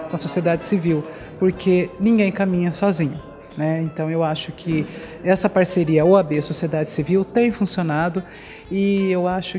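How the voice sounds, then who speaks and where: A woman's voice: on the low side, darkish tone. A woman in her forties, a lawyer on a diversity commission, giving an earnest, fluent on-camera interview in an indoor room into a handheld mic.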